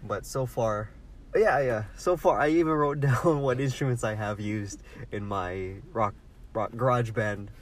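A man's voice: mid-range voice, unhurried, far from the mic. A man co-hosting a casual podcast, rambling loosely and laughing often. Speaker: podcast co-host.

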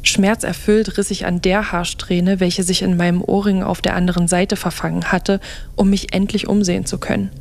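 A young woman reads a first-person story in a soft, lowish voice. She often slips into a near-whisper, keeping the telling quiet and intimate. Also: little pitch movement, normal speed, gravelly.

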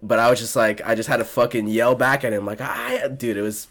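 A young man in casual podcast chat tells a story in a relaxed, profane way. His voice sits mid-pitched and easygoing, full of fillers and restarts. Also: brisk. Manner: profane, laid-back storytelling with lots of fillers. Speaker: podcast co-host.

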